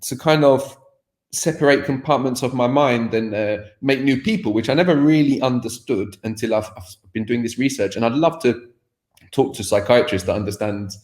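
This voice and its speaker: A man who teaches languages, interviewed as a podcast guest, opens up reflectively about his past, stumbling through many fillers and restarts. His medium-pitched voice is a little mellow at a moderate pace, and the sound is reverberant.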